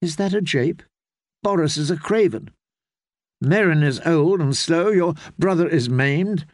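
A man's voice: on the high side, expressive, measured pace, dry recording, studio quality. A man reading an audiobook, voicing a young queen who is frightened and indignant. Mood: scornful. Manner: heated, indignant pleading.

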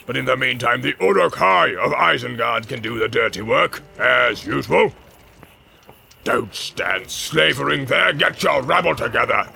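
Man voicing a brutal orc captain, gravelly, mocking, bright harsh tone, swooping pitch. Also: expressive, normal speed, slight background noise, full character voice. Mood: commanding. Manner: barking, mocking, commanding.

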